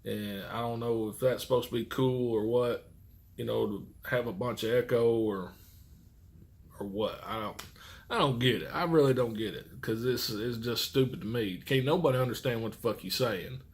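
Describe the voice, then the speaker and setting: An American trucker talks in a medium-pitched voice at a normal pace. His casual, rambling vlog monologue hands out tips in blunt, profane, folksy vernacular.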